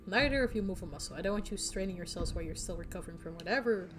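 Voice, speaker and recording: A woman voicing a blunt, cautious young woman companion from a game, speaking low and matter-of-factly. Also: rapid-fire, music in the background, lightly acted. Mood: stern. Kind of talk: reading a visual novel aloud.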